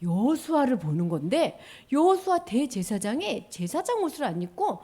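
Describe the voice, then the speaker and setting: A woman giving an animated children's sermon, quizzing the children as she retells the story. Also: sits high, normal speed, breathy edge. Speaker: children's pastor.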